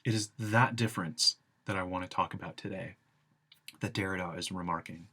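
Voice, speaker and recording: A man giving an academic philosophy lecture in deliberate, emphatic phrases broken into short segments. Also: low voice, steady tone, pushed and bright, slightly rough.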